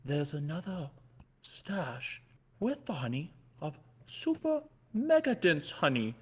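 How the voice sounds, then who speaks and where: A man's voice: a little high, wildly swooping pitch, takes it slowly, pitched below the performer's own voice, heavily acted. A man voicing an elderly male bear who runs a honey heist, fussy and wavering. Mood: doting. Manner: fussy, wavering, breathy asides.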